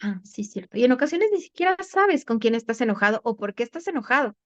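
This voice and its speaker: A woman's voice: animated, fast, dry recording, highs cut off. A woman, a thanatologist giving a conversational group talk on the stages of grief and acting out the voices she quotes. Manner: conversational, acts out quoted voices with rising pitch.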